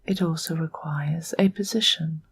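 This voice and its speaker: Speaking low and soft, with a breathy, whispery quality, a woman talks listeners through a guided meditation. Her phrases are short and hushed, delivered in a measured way with long gaps in between.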